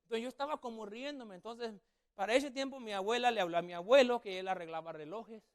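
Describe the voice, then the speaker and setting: A man's voice: high-pitched, fast talker. A man preaching a sermon as a pastor, telling a story and acting out family members' voices. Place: church sanctuary.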